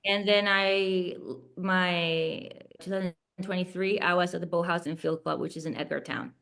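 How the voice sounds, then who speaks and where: A woman from Venezuela, her voice a little low for a woman, chats easily as a podcast co-host. She is friendly and quick to laugh. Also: fairly even intonation, vocal fry, a bit bright. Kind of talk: casual chat.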